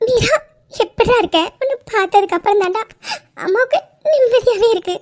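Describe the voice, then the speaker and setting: A woman's voice: high-pitched, fast talker, close to an everyday voice. A woman voicing an emotional, loving middle-aged mother in a cartoon. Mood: tearful. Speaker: mother character. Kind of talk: cartoon voice acting.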